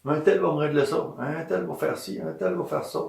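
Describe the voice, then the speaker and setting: A man's voice: a little high, normal speed, vocal fry, a little hiss or hum. A man with a Quebec French accent, a massage therapist giving an informal health talk, repeating his points and asking and answering his own questions. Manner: animated, repeats points, asks and answers himself. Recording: echoey room, mic at a distance.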